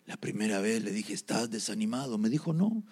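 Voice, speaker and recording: A man voicing a sly male demon that whispers its temptations in drawn-out words. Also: sits low, big pitch swings, gravelly, dark tone, breathy edge, pitched below the performer's own voice, full character voice. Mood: boastful.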